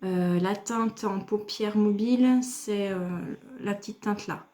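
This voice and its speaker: Slow-talking woman demoing makeup. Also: medium pitch, warm tone. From France. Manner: patient, step-by-step explaining to viewers. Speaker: beauty YouTuber. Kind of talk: makeup tutorial talk to camera.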